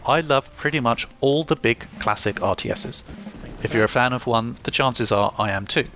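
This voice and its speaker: A man's voice: medium pitch, normal speed, a bit bright. A young man reading a scripted game review with dry, self-mocking humour. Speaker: gaming YouTuber.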